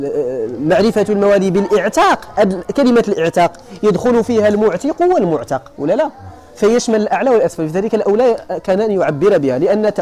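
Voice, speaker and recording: Man, Moroccan accent, classroom lecture, rapid delivery, warm mellow voice, keeps asking if it's clear. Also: sits high. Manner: explains then checks if students follow. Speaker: teacher of hadith sciences. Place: classroom with students present.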